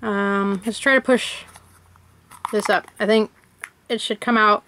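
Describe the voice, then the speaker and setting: A woman's voice: mid-range voice, fairly even intonation, unhurried, pushed and bright, slight background noise. A woman chatting casually as she unwraps and tastes snacks for a vlog, thinking aloud as she goes. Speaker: vlogger.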